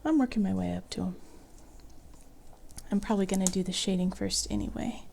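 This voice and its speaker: A young woman quietly musing to herself as she draws, half-whispering and a bit hoarse from losing her voice. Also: medium pitch, brisk, a little hiss or hum. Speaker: artist vlogger. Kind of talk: soft-spoken drawing commentary.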